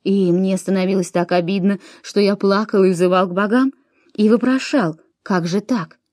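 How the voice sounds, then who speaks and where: A woman's voice: mid-range voice, steady tone, normal speed, darkish tone, no room sound, studio quality, natural voice. A woman reading as a weary, aging Roman commander. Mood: awed.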